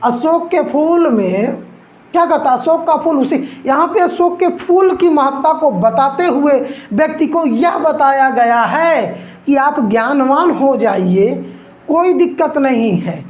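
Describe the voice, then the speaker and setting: A male teacher slowly explaining an exam lesson, repeating lines and calling his students son. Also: very high-pitched, lively intonation, roomy sound, highs cut off.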